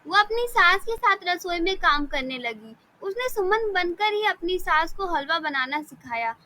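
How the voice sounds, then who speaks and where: A woman giving scripted narration of a cartoon story in a steady, explanatory way. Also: very high voice, measured pace, dry recording, rough recording.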